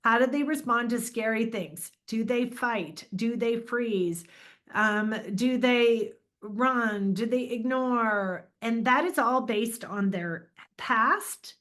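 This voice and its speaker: A middle-aged woman, an author, giving a lively, emphatic writing lecture in a conversational way. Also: fairly high pitch, takes it slowly.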